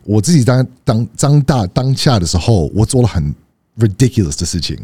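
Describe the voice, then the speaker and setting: A young American man with a very low, mellow voice, recorded close and dry. He speaks fluent Mandarin as a foreigner with an American accent. His native English slips into the casual chat. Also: sing-song, a little fast, husky, no echo. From United States.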